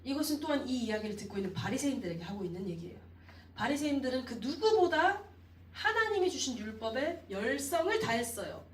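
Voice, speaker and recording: A woman evangelist preaching a youth sermon in an expressive storytelling manner, acting out the people in the story. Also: high voice. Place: church sanctuary. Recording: roomy echo, distant mic.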